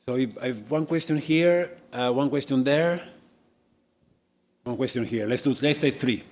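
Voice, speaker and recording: A man chairing a lecture and opening the floor to audience questions, speaking in a measured, halting way. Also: medium pitch, darkish tone. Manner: measured, halting with many fillers. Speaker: event chair, moderator. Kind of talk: moderating a Q&A. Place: lecture hall.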